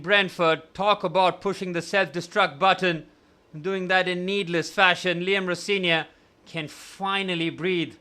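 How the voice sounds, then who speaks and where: A young man hosting a live watchalong, giving partisan match commentary that swings from glum musing to excited shouting. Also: high-pitched, clean tone. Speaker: watchalong host.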